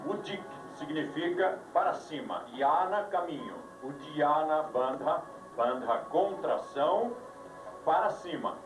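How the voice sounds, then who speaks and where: On an old VHS tape, a male yoga teacher leads a live class, slipping dry jokes into his instructions. His voice is a little high and animated, and he takes his time. The room echoes, he sounds far from the mic, and music plays behind him.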